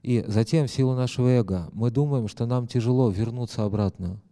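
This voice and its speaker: A man's voice: medium pitch, fairly quick, warm tone. A man interpreting a lecture live, hesitant, with many fillers and self-corrections.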